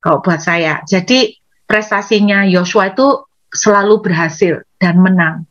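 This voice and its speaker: Animated woman preaching a sermon. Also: medium pitch, unhurried, muffled recording. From Indonesia. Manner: animated, addresses congregation directly, acts out angry outbursts.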